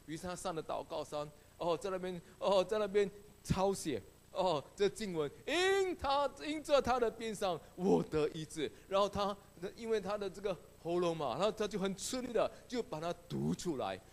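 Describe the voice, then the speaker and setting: Animated male pastor preaching a sermon. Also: high voice, normal speed. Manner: animated storytelling, acting out voices in quotes.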